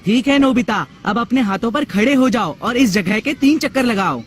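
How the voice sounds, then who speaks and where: A man voicing boastful, rough boy bullies in a dubbed cartoon. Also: very high voice, expressive, moderate pace, a little hiss or hum. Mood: mocking. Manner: mocking and bossy.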